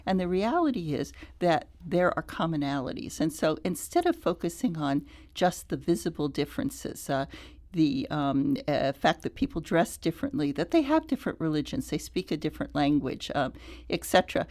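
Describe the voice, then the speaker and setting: A woman with a low voice speaks as a guest on a radio program. She is thoughtful and halting, circling back to restart her sentences. The studio sound is clean. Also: sing-song, darkish tone. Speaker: nonprofit CEO, guest. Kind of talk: radio interview.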